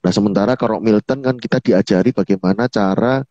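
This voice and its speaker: A man's voice: fairly low pitch, quick pace, darkish tone, no room sound. A man explains coaching in a chatty, filler-heavy way. He often acts out quoted questions. The audio is dry and muffled, like a lo-fi online stream. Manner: chatty, fills with "gitu ya", quotes others in a raised voice. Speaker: NLP coach, guest speaker. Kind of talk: casual explanatory talk.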